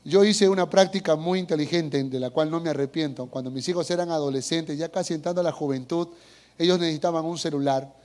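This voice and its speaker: A man's voice: on the high side, fast. A middle-aged man, a pastor preaching a sermon and telling stories, acting out voices and asking the congregation. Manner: animated storytelling, acts out voices, asks the congregation.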